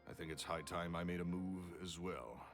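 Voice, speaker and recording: An actor playing a gruff, impatient businessman in a video game, brusque, dismissive and threatening. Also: deep voice, normal speed, fairly bright tone. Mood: cool warning. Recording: music behind the voice.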